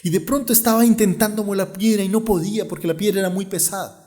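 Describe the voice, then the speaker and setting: A man preaching a sermon as a pastor, dropping to soft, intimate lines and then rising to emphatic ones. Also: sits high, fairly even intonation, fast talker.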